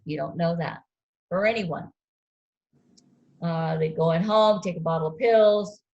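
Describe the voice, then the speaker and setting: A woman instructor lecturing a ski patrol class, relaxed and conversational, quizzing students as she goes. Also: lowish voice, measured pace, creaky, highs cut off. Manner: relaxed, conversational teaching with fillers and quizzing questions.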